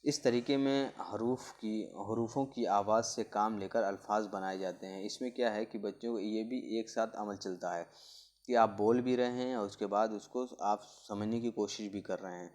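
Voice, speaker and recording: Man, teacher, exam-prep lecture, fairly low voice, hesitant fillers, spells out letter sounds. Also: fairly even intonation, a little mellow. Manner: explains slowly with many fillers and restarts. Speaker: Urdu pedagogy teacher.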